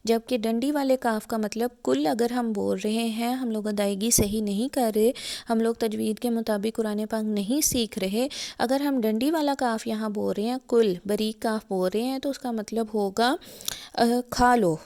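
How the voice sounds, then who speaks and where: Speaking at an ordinary pace in a mellow, steady, rather high voice, a woman gives a religious lesson on reciting the Quran. Her accent is Pakistani Urdu, and she patiently repeats herself, spelling out the letters individually.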